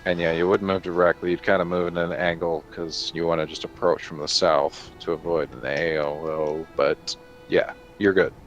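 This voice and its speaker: A man's voice: low-pitched, little pitch movement, normal speed, lo-fi sound. A man acting as game master, patiently explaining the rules and narrating the fight with vivid flair. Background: soft background music.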